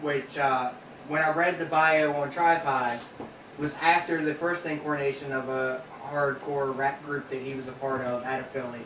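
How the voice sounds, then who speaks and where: A man's voice: mid-range voice, steady tone, moderate pace, fairly bright tone. A man co-hosting a casual podcast at home, laid-back and blunt, swearing now and then. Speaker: podcast co-host. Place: home room. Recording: roomy sound, distant mic, faint noise.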